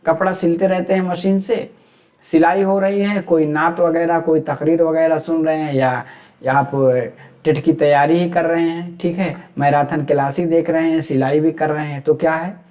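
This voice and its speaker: A man's voice: on the high side, flat delivery, moderate pace, a little mellow. A man from India with a Hyderabadi Urdu accent, teaching an exam-prep lecture. He asks questions aloud and then answers them himself.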